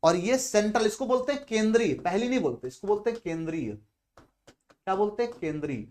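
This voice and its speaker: A man lectures on physics at the board in a fairly high voice. He poses questions to the class, answers them himself and repeats each key term, with chatty asides to his students. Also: animated, brisk, a little mellow. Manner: repeats key terms and says "ठीक है" often. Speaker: physics teacher. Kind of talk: blackboard lecture in Hindi.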